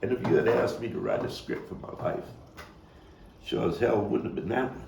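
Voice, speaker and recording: On stage, a man plays a haunted Brooklyn man making a confession in a low, gravelly voice, brooding and halting, full of bitterness and anguish, tormented and remorseful. His pitch swings widely and his tone is darkish. The monologue is caught by a distant mic in a roomy space, with faint noise.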